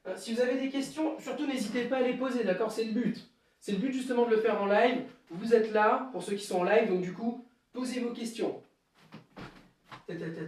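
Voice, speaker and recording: Man shouting karate counts in an echoey room. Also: sits high, recorded from a distance, slight background noise. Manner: counts moves aloud with sharp shouted cues. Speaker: karate instructor. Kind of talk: live online karate class. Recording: echoey room, voice away from mic.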